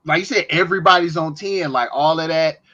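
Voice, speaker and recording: A man on a podcast telling a rambling, animated story in casual talk. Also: on the high side, fairly quick, muffled recording. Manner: rambling, animated anecdote teller. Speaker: podcast co-host.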